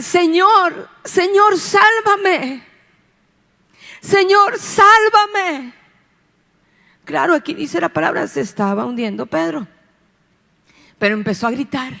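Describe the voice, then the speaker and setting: A woman's voice: sits high, vocal fry. A woman pastor preaching an impassioned sermon, repeating phrases and asking rhetorical questions. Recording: long reverb of a church hall.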